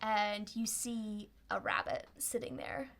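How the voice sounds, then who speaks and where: A woman working as game master, improvising tabletop narration in a halting, playful, casual storytelling way. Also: medium pitch, fairly even intonation, creaky, a bit bright.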